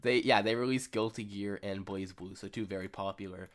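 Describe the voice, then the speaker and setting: A man's voice: on the low side, steady tone, fairly quick. A young man co-hosting a podcast, chatting casually about fighting games and reading stats out with lots of fillers. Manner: rambling, reads stats aloud with fillers. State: hiccups. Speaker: podcast co-host. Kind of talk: casual gaming chat.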